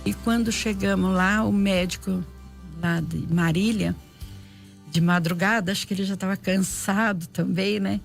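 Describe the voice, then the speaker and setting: A woman's voice: medium pitch, fairly even intonation, normal speed, creaky, faint music behind. A woman with a Brazilian Portuguese accent, giving an emotional faith testimony in an interview, repeating herself and acting out what people said. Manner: heartfelt, repetitive, often reenacts dialogue and prayers.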